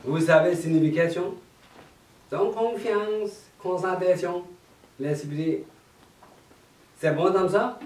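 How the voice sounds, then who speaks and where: Tibetan-accented guy talking slow and halting, lots of chuckles, roomy far-off hall sound with a bit of hiss. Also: high voice, a little mellow. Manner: broken French, slow, laughing often. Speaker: monk introducing a chant evening. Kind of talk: halting explanatory talk to an audience. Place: meditation centre hall, indoors. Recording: roomy distant hall mic with faint noise.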